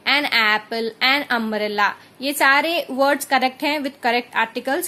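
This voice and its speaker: High-voiced Indian woman teaching grammar. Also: pushed and bright. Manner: patient, spells out examples slowly. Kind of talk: explaining English grammar lesson.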